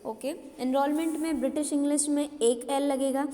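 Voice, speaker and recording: A woman's voice: high-pitched, steady tone, normal speed, dark tone, big-room sound. A woman English teacher giving a classroom lecture, checking understanding with frequent tag questions and spelling words out letter by letter.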